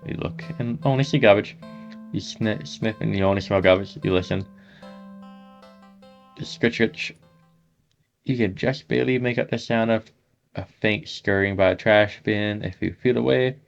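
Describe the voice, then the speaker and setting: A man with a lowish, gravelly voice reads a horror text game aloud, voicing the sound effects himself as he goes. The recording is a little muffled, with faint music playing behind him. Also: moderate pace. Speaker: gaming YouTuber.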